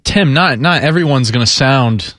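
A man's voice: mid-range voice, lively intonation, normal speed, fairly bright tone, dry recording. A man co-hosting a casual sports radio show in a studio, wry and teasing, laughing often. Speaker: radio co-host and producer. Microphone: studio broadcast mic.

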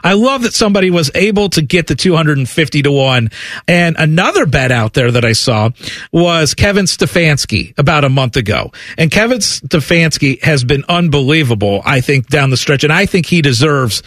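Brief: male sports talk radio host, slightly high voice, emphatic delivery that draws out key words, dry close sound. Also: lively intonation, moderate pace, fairly bright tone, no echo. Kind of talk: sports radio talk with sponsor reads and promos.

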